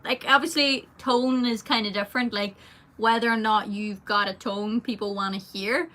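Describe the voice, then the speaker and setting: A slightly high voice with fairly even intonation, a moderate pace, and a sharp tone belongs to a young adult singer. She loosely works through viewer comments in a casual livestream Q&A, rambling and using many fillers.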